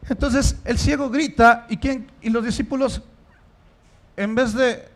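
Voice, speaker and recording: High-voiced pastor preaching. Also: male voice. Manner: rhetorical questions to the congregation; emphatic, rising to loud stresses. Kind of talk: sermon. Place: church.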